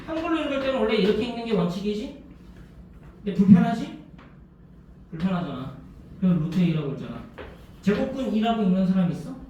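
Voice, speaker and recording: Man, math teacher, high voice, quizzing the class, distant mic, very echoey room. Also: big pitch swings, mellow, muffled recording, slight background noise. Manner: drilling students with quick check questions. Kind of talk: classroom lecture.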